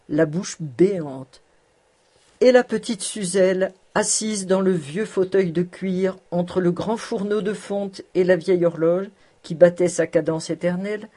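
A woman narrating a classic novel aloud in a measured, expressive reading. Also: mid-range voice, husky. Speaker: audiobook narrator. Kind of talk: scripted narration.

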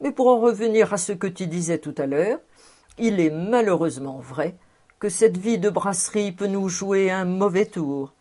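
A woman's voice: mid-range voice, animated, normal speed, mellow, close to an everyday voice. A woman reading the part of a jovial, talkative man in a storybook, expanding on his point at length. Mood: explaining. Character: jovial, talkative middle-aged man at table.

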